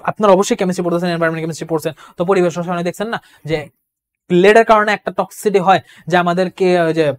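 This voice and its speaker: Lady teaching english terms online, slow careful examples, keeps asking ok?. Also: on the low side, fairly even intonation. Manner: explains patiently, repeats key points, checks in with listeners; reads English example sentences slowly. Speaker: English tutor. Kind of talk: online exam-prep lecture.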